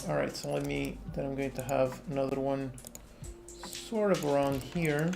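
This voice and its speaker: A relaxed Portuguese man in his thirties, with a Portuguese accent and a mid-range voice touched by vocal fry, chats casually on stream as he works on a game. Speaking at a normal speed, he reads viewers' questions aloud and answers them frankly, in an indoor home office with quiet lofi music underneath.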